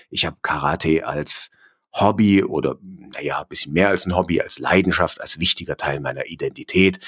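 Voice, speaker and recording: A man's voice: low voice, a bit bright, breathy edge. A German man hosting a solo podcast from his home study, talking in a reflective, personal way with frequent fillers. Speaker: podcast host.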